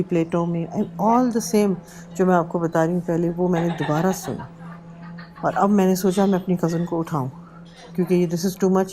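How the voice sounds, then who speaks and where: A woman vlogger telling a personal horror story in a casual way, slipping English words into her talk and going unhurried and hushed at the tense moments. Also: lowish voice, a little hiss or hum.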